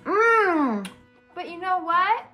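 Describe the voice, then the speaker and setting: A chirpy woman talks to young children in a high, bright voice with a lively, slow delivery. She exclaims and muses aloud between words. Soft music plays behind her. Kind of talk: educational lesson for young kids.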